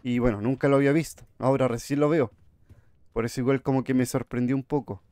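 A man's voice: medium pitch, steady tone, fast, mellow. A man giving jumpy, chatty horror game commentary, talking to his viewers. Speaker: gamer streamer.

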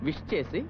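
A man's voice: high-pitched, dull audio, very noisy, heavily acted. An actor playing a mocking male villain in a dubbed film, taunting in a sing-song way. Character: smug, mocking male villain, brother-in-law of the officer.

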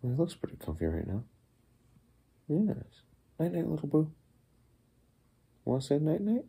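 Gravelly doting man whispering to his cat. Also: on the high side, huge pitch swings, measured pace. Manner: soft doting pet talk, drifting into whispers. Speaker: cat owner filming his pet. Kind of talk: casual baby-talk to a cat. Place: carpeted house basement, indoors. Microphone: handheld phone camera.

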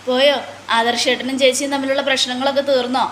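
A woman's voice: high voice, flat delivery, quick pace, a bit bright, echoey room, slight background noise. A woman voicing a homesick young woman away at police training, speaking in a tearful, plaintive way.

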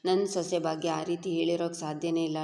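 A woman's voice: sits low, little pitch movement, fairly quick, mellow, in a large hall. A woman voicing a dignified loyal mother-in-law. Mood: earnest. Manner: earnest, defending.

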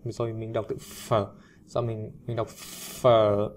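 A man's voice: fairly low pitch, completely flat delivery, moderate pace, slight background noise. Chatty man giving a singing lesson. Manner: chatty, self-deprecating, breaks into sung demonstrations. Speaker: English teacher.

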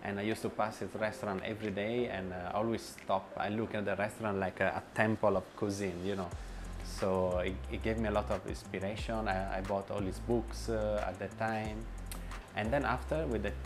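With a lowish voice, a steady tone and normal speed, a forties-aged chef and restaurant owner hesitantly answers an interviewer, filling his replies with fillers, restarts and stumbling grammar. He sits in a bright room with a light wall while background music plays beneath him.

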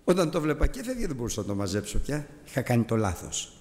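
Male preacher, animated sermon delivery with big pitch swings, recorded in a reverberant church hall. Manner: animated, rising to high exclamations and dropping low for storytelling.

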